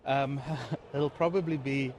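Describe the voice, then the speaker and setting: A man giving measured, reflective interview answers as a business guest, building his points in short lists. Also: mid-range voice, steady tone, a little mellow. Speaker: interview guest, networking sales leader. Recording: faint background noise.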